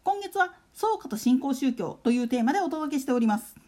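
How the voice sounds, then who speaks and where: A woman's voice: sits high, big pitch swings, a little fast, a little mellow, slight background noise. A woman hosting a casual solo talk show, chatting and putting rhetorical questions to her listeners. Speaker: solo radio talk host.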